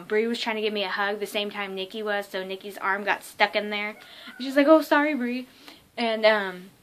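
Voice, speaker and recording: A young woman recounting her day in a casual vlog, her voice bright and clear. She rambles excitedly, piling up ums, likes and restarts as the story tumbles out. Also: medium pitch. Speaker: vlogger.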